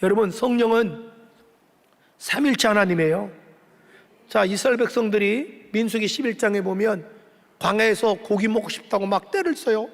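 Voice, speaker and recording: A man preaching a sermon as the pastor of a church. He scolds the congregation with emphatic, sometimes shouted lines and acts out Bible dialogue. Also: high voice, moderate pace, pauses often. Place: church sanctuary. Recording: church hall reverb.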